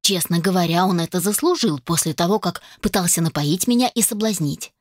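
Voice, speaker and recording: A woman narrating a first-person novel aloud in an expressive, dramatic way. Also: lowish voice, brisk, no room sound, clean studio sound. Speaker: audiobook narrator.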